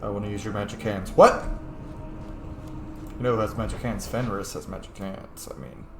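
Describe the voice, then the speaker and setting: With a lowish, gravelly voice at a moderate pace, a man casually comments on his gameplay, joining in character and muttering playful replies to the game's characters. The room is echoey, with faint noise.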